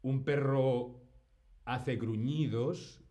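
Slow, clear teacher man. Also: mid-range voice, fairly even intonation, mellow. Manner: slow, clear, greets chat by name, imitates animal sounds. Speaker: Spanish teacher streaming live. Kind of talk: live-stream language lesson.

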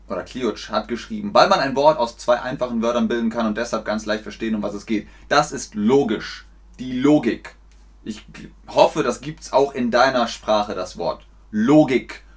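A man teaching German pronunciation and grammar, slowly repeating words and sentences for learners to copy. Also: medium pitch. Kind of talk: slow, clear language lesson.

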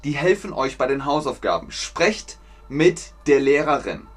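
A man giving a slow, clear German lesson on a live stream, repeating words for learners and chatting with viewers. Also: medium pitch, very animated. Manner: chatty, reads out viewer names from chat. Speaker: German teacher.

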